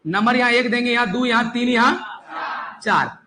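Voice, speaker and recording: A man's voice: very high-pitched, fast talker, slight background noise, rough recording. A young man teaching a chemistry class, coaxing and urging his students to listen and write along. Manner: animated, coaxing students, repeated calls to listen. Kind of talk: classroom lecture.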